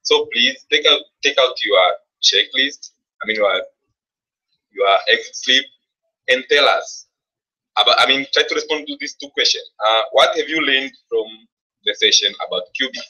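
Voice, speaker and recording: A man's voice: mid-range voice, normal speed, bright, forceful tone, breathy edge. A man wrapping up a teacher training session, earnest and often rephrasing himself. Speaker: workshop presenter. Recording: dull lo-fi classroom recording.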